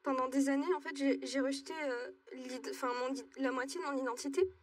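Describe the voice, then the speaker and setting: A woman in her twenties from Alsace, speaking hesitantly with many pauses and fillers as a talk show guest. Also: sits high, steady tone, recorded from a distance. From Alsace, France. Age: 20s. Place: TV studio.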